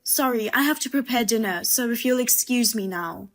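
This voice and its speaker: A woman telling a drama as the narrator and wife, in a calm, measured and firm way. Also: on the high side.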